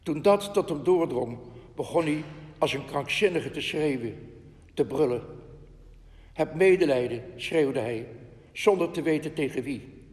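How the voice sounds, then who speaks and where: A man gives a reflective spiritual talk and reads passages aloud, earnest in tone. His voice sits a little high. The sound has the long reverb of a large hall. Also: a little slow, a little mellow. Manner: earnest, reflective, with frequent "hè" asides. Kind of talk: spiritual talk with read quotations.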